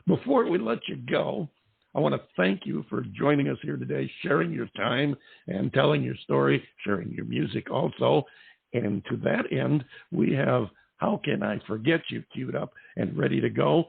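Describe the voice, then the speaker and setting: A man hosting an awards show interview, chatting casually with rambling asides in a gravelly, raspy voice. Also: medium pitch, normal speed, dry recording. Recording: tinny phone-like line.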